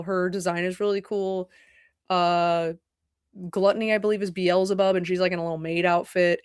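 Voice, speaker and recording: A young woman talks to her stream audience from a home setup in a loose, meandering way. She curses often and keeps cutting herself off with little apologies. Her voice sits at an ordinary pitch and is heard on a dry, close microphone with no room sound. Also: clean tone, no room sound. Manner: rambling, profane, self-interrupting, apologetic asides. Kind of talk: casual livestream chat.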